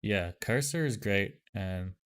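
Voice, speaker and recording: A man hosting a livestream over a headset mic, chatting casually and loosely with lots of fillers as he greets viewers and tests software. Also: on the low side, expressive, slow pace, smooth. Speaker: livestream host. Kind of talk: casual livestream chat while testing software.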